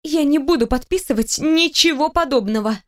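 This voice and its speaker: A woman voicing a flustered, indignant young female office worker in an audiobook, protesting in a high, drawn-out voice. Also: animated, a little mellow. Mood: outraged.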